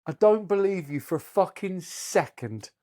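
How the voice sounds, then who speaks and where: A man's voice: high voice, expressive, normal speed, warm tone. Mocking, sweary man in his forties. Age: 40s. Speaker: podcast co-host. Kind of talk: casual chat.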